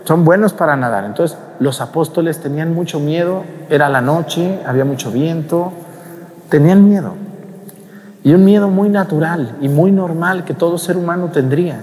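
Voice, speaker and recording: Priest preaching in a reverberant church. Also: male voice, fairly high pitch, moderate pace, darkish tone. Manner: conversational, questions the congregation, acts out scenes. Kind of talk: homily.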